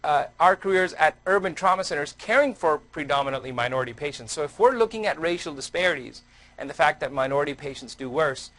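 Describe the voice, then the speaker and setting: A man's voice: fairly high pitch, fairly bright tone. A middle-aged male surgeon giving an academic lecture, telling personal stories in a conversational way with frequent restarts.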